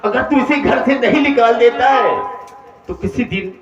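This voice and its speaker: An actor playing a scheming old father and villain on a live folk stage, scolding slowly in drawn-out declamation. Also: very high voice, music in the background. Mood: accusing. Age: older. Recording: distant echoey dull stage recording.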